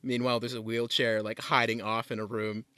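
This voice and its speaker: A man's voice: mid-range voice, level tone, a little fast, pushed and bright, smooth, no echo. A young man co-hosting a podcast, animatedly retelling a party story with lots of laughs. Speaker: podcast co-host. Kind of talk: casual storytelling.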